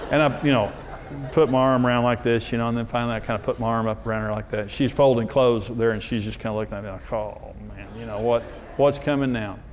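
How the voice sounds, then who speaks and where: A marriage teacher tells his own stories with self-deprecating humor, and his voice sits a touch higher than most men's. He talks in an animated way over a faint background hiss. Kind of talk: personal storytelling talk.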